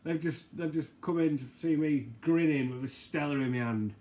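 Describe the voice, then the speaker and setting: A man's voice: fairly high pitch, normal speed, mellow. A man hosting a casual livestream, rambling, joking and reading out viewer comments. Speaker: livestream host. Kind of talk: casual live chat.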